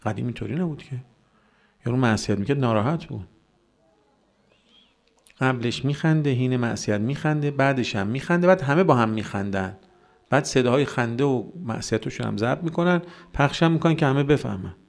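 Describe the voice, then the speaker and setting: Guy preaching a sermon, gravelly voice, keeps firing rhetorical questions. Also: mid-range voice, lively intonation. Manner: argumentative, rhetorical questions, mocking quoted voices. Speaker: cleric. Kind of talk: religious sermon.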